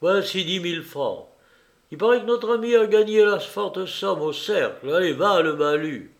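A man reading an audiobook, voicing a cool, commanding gentleman burglar who gives brisk, ironic orders, a little higher and louder than his narration. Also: animated. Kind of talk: audiobook character voice.

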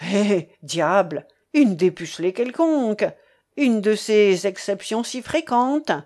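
A woman's voice: mid-range voice, animated, slow pace, darkish tone. A woman reading a storybook part of a pushy, mocking man who keeps repeating himself. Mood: offhand.

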